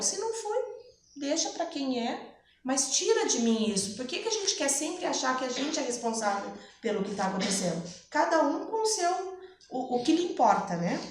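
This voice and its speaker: A woman gives a conversational spiritist lecture, often asking her listeners "né?". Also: sits high. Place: spiritist center hall. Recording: echoey hall with faint noise.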